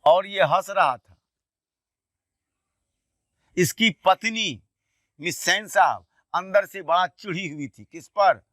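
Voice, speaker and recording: Bright-voiced male teacher retelling a story. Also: high voice, takes it slowly, pauses often, no room sound, clean studio sound. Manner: poses quiz questions and answers them himself; colloquial, storytelling explanation. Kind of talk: retelling a textbook story as a lesson.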